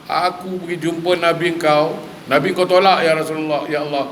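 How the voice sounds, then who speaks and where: A man's voice: a little high, moderate pace, fairly bright tone, slight background noise, lightly acted. A man voicing a weeping, remorseful young gravedigger. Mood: begging.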